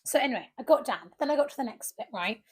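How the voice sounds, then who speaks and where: A woman's voice: a little high, lively intonation, fast talker, breathy edge. A young woman, co-hosting a podcast and telling a story with lots of acted-out quotes. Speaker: podcast co-host. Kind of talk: casual chat.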